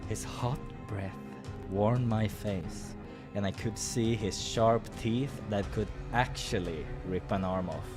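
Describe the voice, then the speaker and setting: A man with a lowish voice speaks slowly while hosting a visual novel playthrough, reading the story aloud and reacting in a playful, theatrical way. Music plays behind him.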